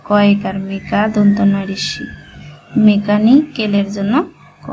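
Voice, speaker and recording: A woman's voice: medium pitch, level tone, a little slow, warm tone, soft background music, rough recording. A woman teaching a shorthand class, breaking words into syllables and repeating them patiently. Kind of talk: slow step-by-step dictation lesson.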